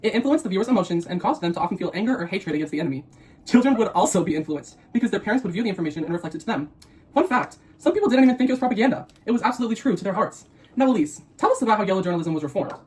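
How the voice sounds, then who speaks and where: Extremely fast-talking young woman co-host. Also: mid-range voice, lively intonation, darkish tone, low-quality recording. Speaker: co-host of a mukbang video. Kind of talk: scripted explainer mixed with playful banter.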